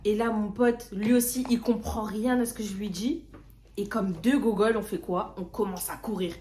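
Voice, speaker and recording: A young woman vlogger casually telling a story, slangy and lively, often repeating words. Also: medium pitch, moderate pace, a little hiss or hum. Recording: roomy echo.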